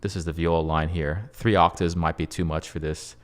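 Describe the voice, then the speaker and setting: A man's voice: low-pitched, steady tone, a little fast, clean tone. A man composing at his computer, talking through his process casually and muttering and humming phrases as he writes. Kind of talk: casual screen-share tutorial, thinking aloud.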